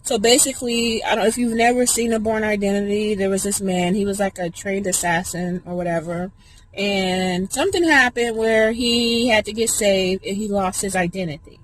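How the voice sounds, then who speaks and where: A woman talks between bites in a relaxed mukbang vlog, her voice sitting at a middle pitch. Her talk is loose and rambling and full of asides. A faint noise lingers underneath. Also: moderate pace, low-quality recording. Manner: chatty, rambling, talks while eating. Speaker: vlogger. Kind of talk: casual mukbang chat.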